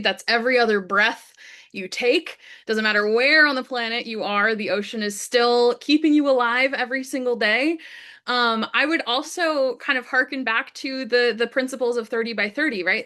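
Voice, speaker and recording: A woman's voice: a little high, fairly bright tone. A young woman hosting an online youth training session, enthusiastic and full of fillers. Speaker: webinar host. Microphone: video call.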